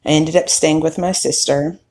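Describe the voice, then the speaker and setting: A woman in her thirties, a podcast host, telling her own story in a slow, candid and reflective way. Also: low voice, fairly even intonation, a little hiss or hum. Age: 30s. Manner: slow, reflective, candid with occasional soft laughs. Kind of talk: personal storytelling monologue.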